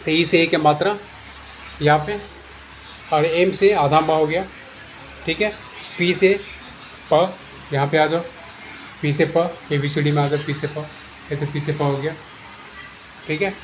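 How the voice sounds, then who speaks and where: A man's voice: a little high, steady tone, a little slow, long pauses, a little hiss or hum. A man giving a patient, repetitive lesson at a board, often checking that his students understand. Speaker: teacher. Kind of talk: whiteboard English lesson. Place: room with a board.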